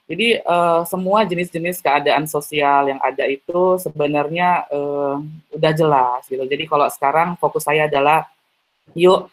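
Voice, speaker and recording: A man giving an online seminar talk over a video call, chatty and full of tag fillers. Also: on the high side. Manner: chatty, heavy use of tag fillers, acts out little dialogues. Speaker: seminar speaker.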